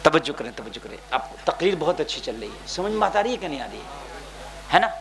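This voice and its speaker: A man preaching an emotional sermon, dropping to a hush and then shouting, with sighing cries in between. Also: a little high, big pitch swings. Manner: swings from hushed to shouting, sighs and wails. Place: gathering with a live crowd.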